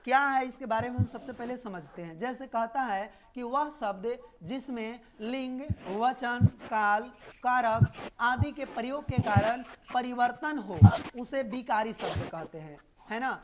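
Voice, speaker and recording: A woman's voice: a little high, noisy background. A woman teaching a live online grammar class, explaining with little memory stories and repeating key words.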